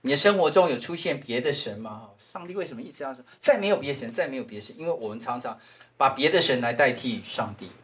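A man with a Taiwanese Mandarin accent, a pastor teaching a Bible class in a lively lecturing way, repeating phrases and tagging sentences with "ha". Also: medium pitch, quick pace. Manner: animated, repeats phrases, frequent "ha" tag fillers.

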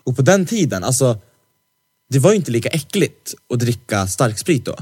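A man's voice: mid-range voice, breathy edge. Young male podcast co-host: chatty storyteller, acts out dialogue, jokey, studio mic. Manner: lively storyteller who acts out quoted dialogue; heavy slang fillers, teasing jokes. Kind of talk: casual podcast chat, storytelling. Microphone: studio microphone.

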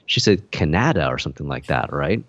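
A man's voice: low-pitched, expressive, fairly quick, dry recording. A man co-hosting a podcast in casual chat, rambling with many fillers and restarts. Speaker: podcast co-host.

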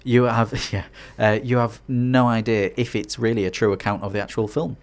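A man's voice: medium pitch, fairly even intonation, moderate pace. A man from Hartlepool with a Teesside accent, co-hosting a casual podcast in a hesitant, rambling way. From Hartlepool, northeast England. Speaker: podcast co-host.

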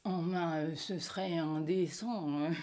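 A woman's voice: low-pitched, measured pace, warm tone. A woman with a French accent reading a sheepish middle-aged cuckold who hesitates and fills gaps with "euh". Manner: hesitant, full of filler sounds.

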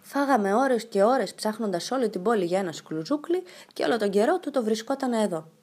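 A woman voicing a bold, cheerful, eccentric little girl in a storybook reading, with a lively, bright and playful manner. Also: fairly high pitch.

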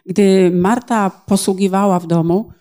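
A woman's voice: mid-range voice, steady tone, a little slow, dark tone. A woman interpreting a sermon phrase by phrase, in a plain manner with small hesitations.

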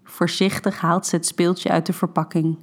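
A woman narrating an erotic short story in a calm, intimate storytelling manner. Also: on the low side, normal speed.

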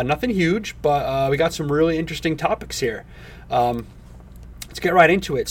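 A man hosting a casual podcast with enthusiastic crypto-bro talk, halting and repeating himself with plenty of filler words. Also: a little high, recorded from a distance. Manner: halting, repetitive, filler-heavy delivery. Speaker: podcast host.

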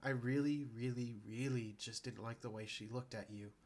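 A man's voice: mid-range voice, fairly even intonation, normal speed, a little mellow, close to an everyday voice. A man voicing a young injured girl who is tired but blunt and teasing.

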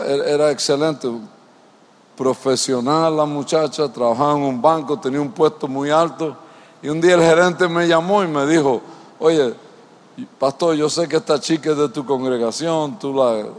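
Male pastor, fairly high voice, preaching in a church with long hall echo, keeps asking the crowd questions. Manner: rhetorical questions to the congregation. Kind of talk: sermon.

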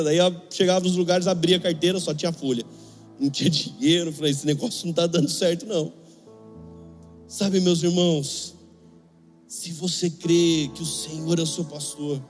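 Brazilian male pastor, young, high voice, humorous storytelling sermon, long reverb with faint music behind. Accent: Brazilian Portuguese. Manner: humorous storytelling with acted dialogue.

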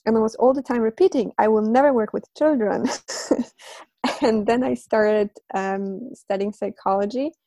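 A slightly high-pitched woman speaks at a moderate pace in a dry recording. She's in her thirties, a native speaker of Polish, and as an interview guest with a background in language teaching and psychology, she thinks aloud reflectively about teaching and learning, using fillers and quiet laughs.

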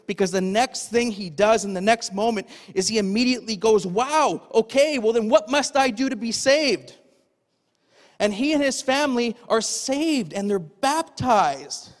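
A pastor preaching a conversational sermon, often checking in with "okay?" and asking the congregation questions. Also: male voice, very high voice. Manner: asks the audience rhetorical questions. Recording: long hall reverb.

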